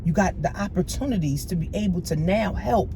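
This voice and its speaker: A woman's voice: fairly low pitch, brisk, warm tone. Emphatic woman coach over traffic noise. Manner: emphatic, repetitive, slangy and preachy. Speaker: money coach. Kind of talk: motivational vlog talk. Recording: clear traffic noise behind.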